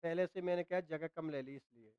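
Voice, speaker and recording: His voice is on the high side, smooth and brisk with fairly even intonation, captured without echo but with dull audio. He's a chemistry teacher with a Hindi accent giving a whiteboard lecture, coughing from a dry throat. He repeats points, answers the questions he puts to students, and keeps checking in with "ठीक है ना".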